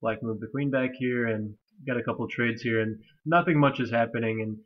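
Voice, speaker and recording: A man's voice: medium pitch, fairly quick. A young man with a nasal, stuffy voice from allergies, casually walking through a chess game with many fillers and restarts. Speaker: chess commentator. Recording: slightly dull lo-fi recording.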